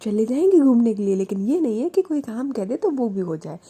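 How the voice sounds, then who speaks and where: A grumbling, nagging middle-aged mother in a spoken story, played by a woman narrator, scolding in a complaining way. The tone is mellow and dark, the pitch a touch high. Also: sing-song, a little fast, slightly rough, heavily acted.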